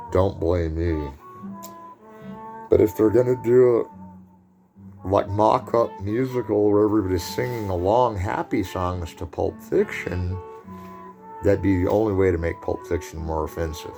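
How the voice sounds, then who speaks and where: A man with a deep, gravelly voice rambles through a film lecture. He jumps from one aside to the next and jokes as he goes. Music plays clearly behind him. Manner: digressive, joking asides.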